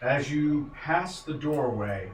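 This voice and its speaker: Lively man running a tabletop game. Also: fairly high pitch, takes it slowly. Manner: casual, lively, swears and jokes. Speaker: dungeon master. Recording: roomy, distant mic with faint noise.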